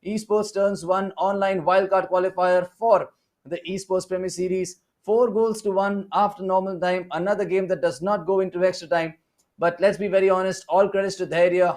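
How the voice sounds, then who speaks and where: Excitable Indian esports commentator, higher voice. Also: male voice. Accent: Indian English. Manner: excitable play-by-play, rising on big chances.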